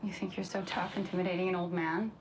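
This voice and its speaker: An actress playing a defiant society wife who speaks in a firm, commanding way, in TV drama dialogue. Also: female voice, on the low side, steady tone, fast, crowd noise, natural voice. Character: proud, defiant society wife, adult woman.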